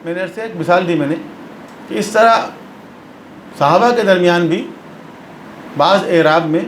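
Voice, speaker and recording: A man's voice: high voice, reverberant, slight background noise, poor audio. A man giving a religious lesson. He explains patiently and repeats phrases for emphasis. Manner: explanatory, mixes English terms into speech. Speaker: religious lecturer.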